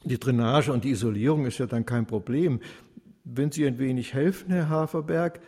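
Man voicing a slow, thoughtful young helper. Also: medium pitch, warm tone, husky. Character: young man, helpful, practical. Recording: long hall reverb.

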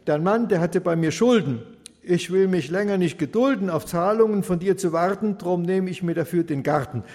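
A man voicing a greedy, brazen neighbour who talks loud and gloating, in rhymed storytelling. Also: sits high, moderate pace, big-room sound.

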